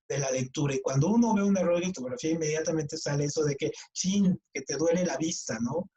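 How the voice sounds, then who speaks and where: Mexican male teacher, middle-aged, relaxed mellow tone, chatty lecture with restarts. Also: fairly high pitch, poor audio. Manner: casual, chatty, frequent restarts and repeated words. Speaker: writing workshop teacher. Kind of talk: online class lecture.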